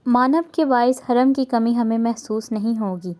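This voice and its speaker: Woman doing older grandmother, doting, gentle, mellow, storybook reading. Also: fairly high pitch, close to an everyday voice. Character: older grandmother, proud, softened.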